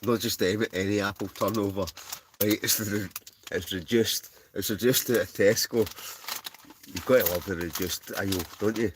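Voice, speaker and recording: A faint hiss or hum sits under a Scottish man's low, steady voice as he hosts a livestream from inside a tent. He talks at a moderate pace, chatting casually with viewers, chuckling, rambling and wandering off on tangents.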